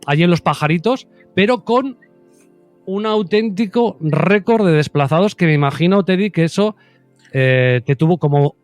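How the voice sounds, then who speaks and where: A man's voice: on the high side, no room sound. A man hosting a podcast interview, asking long rambling questions in a casual chat. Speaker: podcast host.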